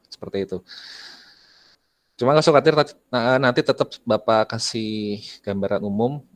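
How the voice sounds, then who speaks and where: A man teaching an online class, talking casually, asking his students questions and often clearing his throat. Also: medium pitch, moderate pace.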